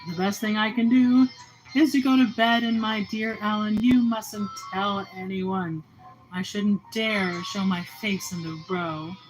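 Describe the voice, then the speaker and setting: A woman's voice: mid-range voice, steady tone, measured pace, over music, natural voice, poor audio. A woman reading as a sulky embarrassed young man. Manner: sulky, growling.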